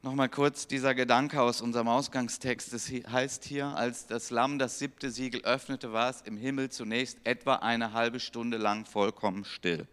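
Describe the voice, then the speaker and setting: A man preaching a sermon, swinging between loud, pleading appeals and quiet, grave passages, sometimes acting out quoted voices. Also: mid-range voice, steady tone, normal speed, hardly any pauses, clean tone.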